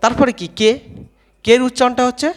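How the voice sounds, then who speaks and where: A man giving a spoken lesson on how to say letters, asking questions, answering them himself and repeating each sound slowly. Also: very high-pitched, fairly even intonation, slight background noise. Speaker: English teacher.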